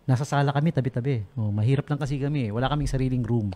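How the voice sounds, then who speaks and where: A man's voice: medium pitch, very fast, mellow. A man from the Philippines hosting a late-night radio show, telling a comic story as a playful storyteller who often breaks into chuckles. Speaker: radio DJ host. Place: radio studio.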